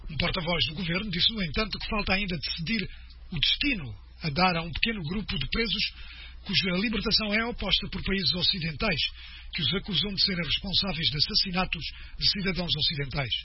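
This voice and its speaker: A high-voiced man reads the radio news in a steady, formal way. The sound is muffled broadcast audio with a faint hiss underneath. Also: fairly quick. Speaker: news presenter. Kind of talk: scripted radio news reading.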